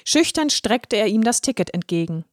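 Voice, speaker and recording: A woman narrating a children's story in a gentle, expressive reading voice. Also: a little high, normal speed, no room sound, studio quality.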